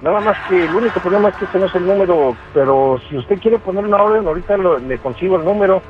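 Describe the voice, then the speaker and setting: A man's voice: high-pitched, expressive, fast talker, music in the background. A man working at a shop who answers the phone politely and grows firm when he is insulted. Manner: polite customer-service tone, growing firm. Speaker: prank call target, butcher shop worker. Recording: muffled phone line.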